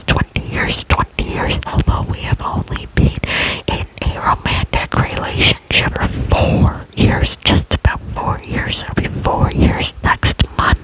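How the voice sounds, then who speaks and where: A woman in her thirties whispering soothing ASMR rambles very close to the mic through cupped hands, repeating words and phrases. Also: rough recording. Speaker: amateur ASMR video creator. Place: indoor room at home. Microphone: desk microphone very close, cupped by hands.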